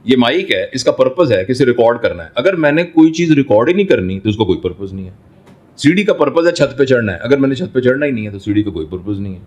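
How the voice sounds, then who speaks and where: A man's voice: medium pitch, big pitch swings, a little mellow, dull audio. Doctor guy on an interview, voice rises and falls a lot, talks like a dad with lots of examples. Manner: explains through everyday examples and rhetorical questions; fatherly, addresses listener as son. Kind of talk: reflective interview answer.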